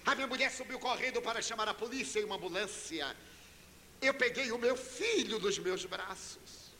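An older man, a spiritist speaker, giving a sermon-style talk and retelling a story dramatically, with sudden shifts in pitch and loudness. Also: normal speed. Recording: reverberant hall, faint hiss.

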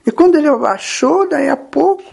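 A man's voice: expressive, a little fast, creaky, a little mellow, heavily acted. A man with a Brazilian accent voicing an earnest adult male disciple who keeps imploring his master. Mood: coaxing. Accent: Brazilian Portuguese. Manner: imploring, higher and more urgent than his narration.

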